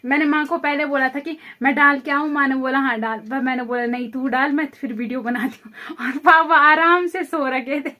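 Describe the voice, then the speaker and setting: A young woman casually narrating her own vlog, calling out loudly to animals outdoors and going hushed while sneaking up. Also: sits high, steady tone, moderate pace, hardly any pauses. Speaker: vlogger.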